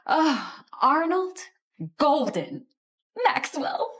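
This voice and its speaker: A woman's voice: high-pitched, big pitch swings, very slow, fairly bright tone, full character voice. An actress playing a desperate, scheming young woman in a melodramatic short drama. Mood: scheming, pleased.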